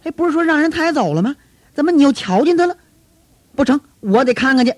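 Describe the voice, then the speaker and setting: A man voicing a hot-tempered, brash disciple who blusters loud and fast. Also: animated, no room sound. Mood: fired up. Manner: loud, high, blustering and rushed.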